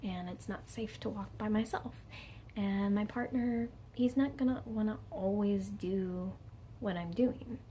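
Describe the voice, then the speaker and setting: A woman's voice: mid-range voice, unhurried, dark tone, a little hiss or hum. A woman in her late twenties talking candidly in a casual personal vlog, chatty and self-mocking with plenty of fillers. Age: late 20s. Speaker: vlogger.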